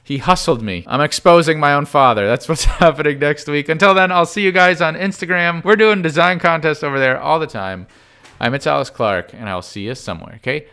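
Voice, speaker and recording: A young man narrating an animated story-time video in a playful, exaggerated way with quick asides to the viewer. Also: a little high, clean tone. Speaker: YouTube storyteller.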